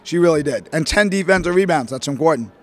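A middle-aged man with a fairly high voice speaks from a podium in a press room. He talks in animated, rambling bursts, circling back through his points with fillers and restarts, the way a coach answers after a game. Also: quick pace. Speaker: head basketball coach. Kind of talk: postgame press conference. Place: press room, standing at a podium before a logo backdrop. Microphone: podium microphone.

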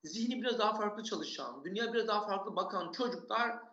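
A man's voice: high-pitched, a little fast, sharp tone. A man, an expert guest in an interview, earnestly explaining parenting and learning with lists of examples and repeated emphasis. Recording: echoey, dull remote audio.

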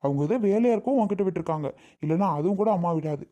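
A woman's voice: fairly low pitch, expressive, racing, warm tone, close to an everyday voice. A woman voicing a young husband who lectures and reasons with his wife, repeating her name, in a family comedy skit. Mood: lecturing.

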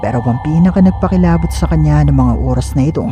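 A man narrating a scripted horror video in a measured storytelling manner. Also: a little high, over music. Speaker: narrator of the channel.

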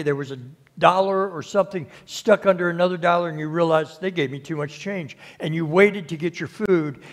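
A man preaching a conversational sermon at a church service, unhurried and often restarting or repeating his words. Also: fairly high pitch. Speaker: pastor.

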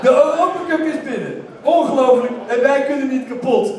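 A man telling a humorous story to a live theater audience, lively and breaking into shouted exclamations. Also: very high-pitched, a little fast, background noise. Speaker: stage storyteller. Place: theater stage. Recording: echoey theater from far off.

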